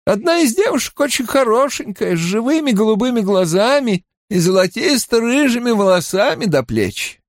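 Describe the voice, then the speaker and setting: A man's voice: very high voice, very animated, normal speed, hardly any pauses, no echo, clean studio sound, pitched above the performer's own voice, heavily acted. A man reading an audiobook, voicing a stern, weary grey-haired old woman who scolds and speaks guardedly. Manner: scolding then tired and guarded. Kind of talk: audiobook character voice.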